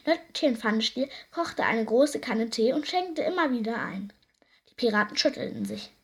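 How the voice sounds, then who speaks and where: A woman reading a children's story aloud in a lively, expressive way. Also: on the high side, moderate pace, gravelly, breathy edge.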